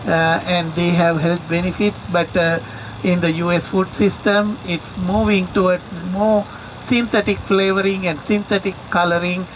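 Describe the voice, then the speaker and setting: A middle-aged man from Sri Lanka, a university researcher giving a talk to a community audience, speaking haltingly with many fillers and repeated words. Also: high voice, background noise.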